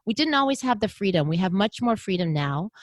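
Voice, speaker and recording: A middle-aged American woman speaking earnestly in an interview, giving motivational advice and getting animated when she quotes other people. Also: medium pitch, brisk, dry recording. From United States. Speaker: podcast host and guest. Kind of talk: interview conversation.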